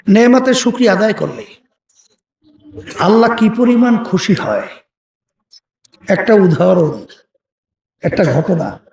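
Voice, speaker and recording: Guy preaching outdoors, slow and high, asks the crowd stuff, chants verses, sounds far off and echoey. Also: darkish tone. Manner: calls out questions for the crowd to answer; chants Quranic Arabic verses. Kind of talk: open-air sermon with storytelling. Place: outdoor religious gathering on a field. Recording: echoey public address from a distance.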